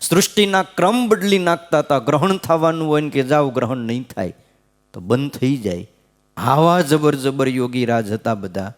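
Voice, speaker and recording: A swami delivers a devotional katha sermon in a gurukul temple hall, preaching conversationally, often checking in with a "hm?", and chanting scripture verses in a sing-song way. His voice is medium-pitched at a normal pace.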